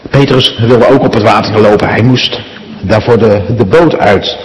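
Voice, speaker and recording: A man leading prayer in a church service, calm and halting with fillers. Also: on the low side, slight background noise. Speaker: pastor. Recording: reverberant church hall.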